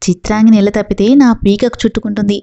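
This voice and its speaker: A woman reading the lines of a domineering, lecherous male village landlord in a gruff, scolding way. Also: medium pitch, fairly even intonation, quick pace, mellow, dull audio, close to an everyday voice. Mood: bossy.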